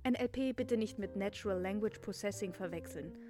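Female narrator, measured scripted reading, mid-range voice. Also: mid-range voice, mellow, faint music behind.

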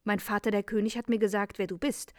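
A woman's voice: mid-range voice, fairly even intonation, fast talker, a little mellow, no room sound, natural voice. A woman voicing an earnest, indignant young prince in a read-aloud fairy tale, in her own voice. The room sounds dry.

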